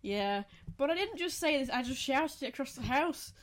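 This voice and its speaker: A woman's voice: sits high, animated, moderate pace. A woman, co-hosting a podcast and telling rambling, self-mocking stories in casual chat. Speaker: podcast co-host.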